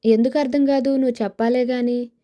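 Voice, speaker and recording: Scheming young woman in a storybook, coaxing persuasive delivery, very dark warm tone, read by a woman. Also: fairly high pitch, steady tone, brisk, lightly acted.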